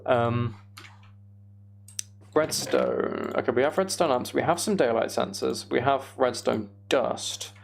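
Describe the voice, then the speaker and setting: A man streams a video game, muttering to himself as he thinks aloud and works things out in casual live commentary. His mid-range voice is creaky, and he talks at a slow pace.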